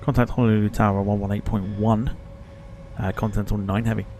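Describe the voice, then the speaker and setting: A man's voice: fairly low pitch, flat delivery, brisk, dark tone. A man making pilot radio calls in clipped air traffic phraseology, reading back instructions while flying a simulator. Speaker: streamer flying a flight simulator.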